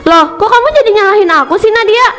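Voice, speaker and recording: Woman voicing a very high jealous schoolgirl. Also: fast, fairly bright tone, faint music behind. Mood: indignant. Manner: accusing, indignant. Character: schoolgirl Anissa, jealous hurt girlfriend.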